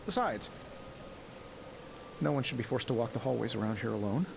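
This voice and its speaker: An actor playing a wisecracking, nervously friendly superhero inventor in a game, with a glib, rambling, self-deprecating manner. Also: male voice, medium pitch, animated, normal speed, creaky, background noise. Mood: wry, friendly. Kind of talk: casual game dialogue.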